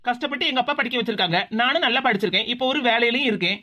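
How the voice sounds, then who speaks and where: A woman's voice: on the high side, animated, racing. A woman voicing a modest, earnest young bride-to-be in a cartoon. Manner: modest, soft-spoken, earnest.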